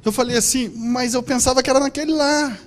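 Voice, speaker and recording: A man preaching a sermon as a pastor, telling jokes and stories and shouting asides. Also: extremely high pitch, fairly quick. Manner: animated, joking storytelling with shouted asides. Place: church.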